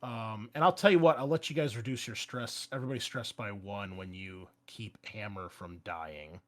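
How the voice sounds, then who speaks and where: As a game master, a man with a fairly low voice casually walks through rules and narrates the action at a moderate pace, swearing now and then.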